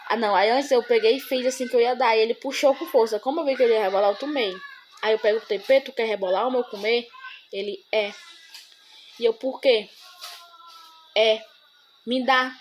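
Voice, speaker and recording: A woman's voice: a little high, quick pace, darkish tone, slight background noise. A young woman, a mother chatting to viewers in a rambling, emotional way and often calling them "gente". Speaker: mother vlogging about her son. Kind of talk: casual chat to viewers.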